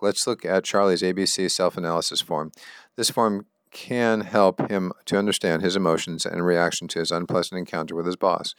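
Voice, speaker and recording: A man's voice: sits low, smooth, no echo. A man teaching a lesson, reading workbook exercises aloud in a plain, matter-of-fact way and adding his own explanations. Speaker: instructor.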